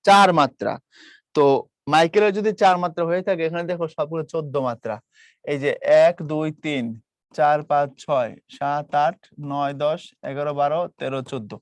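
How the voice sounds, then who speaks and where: A man's voice: a little high, moderate pace, dry recording. A young man teaching an online class, repeating key points and asking students questions. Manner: explains patiently with questions to students, mixes English words. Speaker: online tutor.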